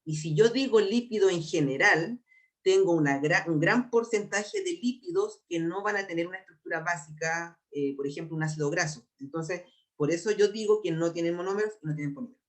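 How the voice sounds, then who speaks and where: A young adult biology teacher with a Chilean accent gives an exam prep lecture, explaining patiently and slowing down to repeat key terms. Her voice is medium-pitched and expressive.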